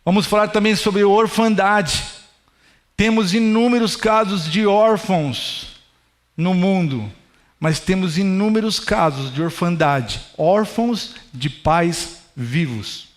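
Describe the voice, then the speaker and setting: A man, preaching a sermon in a conversational way and speaking straight to his congregation. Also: high voice. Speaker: pastor.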